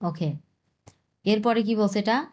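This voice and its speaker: A woman's voice: medium pitch, darkish tone. Patient woman teaching Chinese. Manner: patient, repeats words slowly and breaks them into tones. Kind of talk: language lesson explaining vocabulary.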